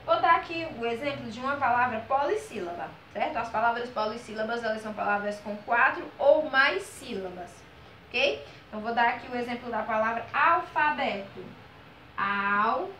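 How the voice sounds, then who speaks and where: A woman teaches a grammar lesson, her voice bright and a little high. She draws out each example word slowly and keeps checking in with her students. The recording sounds echoey, with faint room noise behind her. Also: animated. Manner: patient, drawn-out model words, frequent "ok?" and "certo?" checks.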